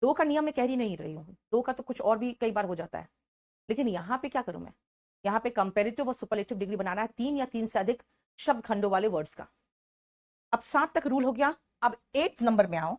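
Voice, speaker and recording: A woman teacher with a Hindi accent leads an online English class in a slightly high voice. She breaks each grammar rule into small steps and calls on her students by name as she goes. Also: expressive, fairly quick.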